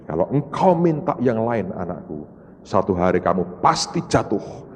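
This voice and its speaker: A man's voice: very animated, normal speed, a little mellow. A man from Indonesia, preaching a dramatic sermon and acting out the people in his story. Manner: dramatic storytelling, voicing others in rising high-pitched outbursts and repetitions. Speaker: pastor. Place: large church. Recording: long reverb of a large church hall.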